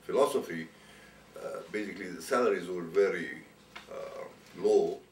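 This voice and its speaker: Brief: older man from Egypt, very low voice, halting interview answers, distant roomy recording. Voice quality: hesitant, many uhs. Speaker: interviewee, student's father. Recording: roomy, distant, faint noise.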